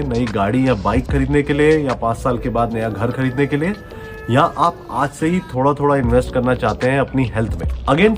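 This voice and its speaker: Earnest man turning forty, coaxing. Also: medium pitch. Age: 30s. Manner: earnest, coaxing, mixes English phrases into Hindi. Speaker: fitness coach. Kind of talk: motivational talk to camera. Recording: music playing underneath.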